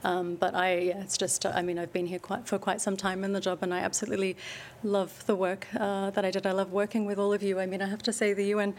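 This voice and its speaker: Emotional woman spokesperson, flat delivery. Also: mid-range voice, a little hiss or hum. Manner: emotional, halting, heartfelt thanks. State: tearful. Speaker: UN agency spokesperson. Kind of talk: press briefing remarks.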